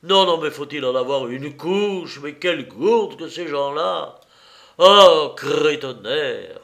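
A man voicing a furious, imperious nobleman, exclaiming loudly in an audiobook reading. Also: on the high side, expressive, slow, creaky, full character voice. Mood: alarmed, angry. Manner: shouting, exclaiming in anger.

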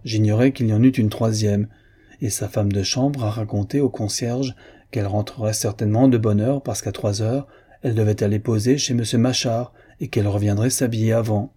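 A suave, mocking gentleman speaks with cool, clipped courtesy, put on by a man reading aloud. His voice sits low and mellow with a husky edge. He stays composed and faintly scornful. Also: fairly even intonation, fairly quick. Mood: cool, cutting. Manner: cutting yet courteous.

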